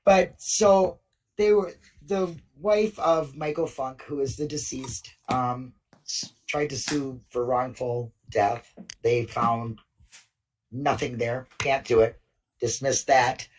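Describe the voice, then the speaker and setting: A woman's voice: very deep voice, fairly even intonation, slow, a little mellow, far from the mic, slight background noise, poor audio. A woman in a casual open mic discussion, telling a story in an indignant way with many fillers. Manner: indignant, retells events with lots of fillers.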